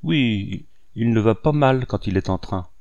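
A man voicing a rude, surly old army sergeant in a storybook reading, with a low voice. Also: animated, moderate pace, a little mellow, highs cut off. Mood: gruff. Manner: surly, blunt.

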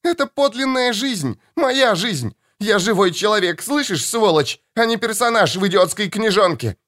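A woman's voice: medium pitch, lively intonation, moderate pace, fairly bright tone, voice pushed up, close to an everyday voice. A man reading an audiobook voices a furious young woman who is crying and out of breath, hurling bitter accusations at her father. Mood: furious, sobbing. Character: furious tearful young woman, narrator's daughter.

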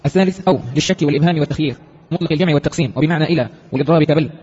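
A man reading a text aloud for a class, reciting numbered points in quick succession. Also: on the high side, a little mellow, in a large hall, dull audio, a little hiss or hum.

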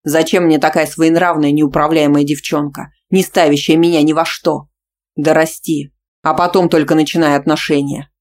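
A reader voicing a jealous, domineering young man who speaks loudly and sternly in a storybook reading. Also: mid-range voice, steady tone, a little fast, hardly any pauses, close to an everyday voice. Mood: angry, stern. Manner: loud, stern, commanding.

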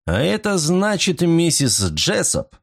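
A man reads a stern detective closing in on a suspect, his voice clipped and emphatic. He stresses words sharply and the pitch moves a lot, rising with each accusation, as in a classic spoken crime story. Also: huge pitch swings, takes it slowly, gravelly, exaggerated voice.

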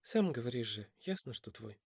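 A man voicing a frightened young mother who speaks softly, pleading and tearful. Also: medium pitch, expressive, normal speed, slightly rough, no echo, studio quality.

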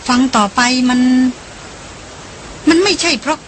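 A woman reading the part of an uneasy young man, the middle brother, who speaks in a hesitant, halting way. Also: sits high, animated, a bit bright, a little hiss or hum, pitched above the performer's own voice, rough recording.

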